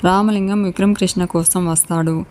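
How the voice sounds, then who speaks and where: A woman narrating a recap of a TV serial episode in a steady, even reading voice. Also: lowish voice, moderate pace.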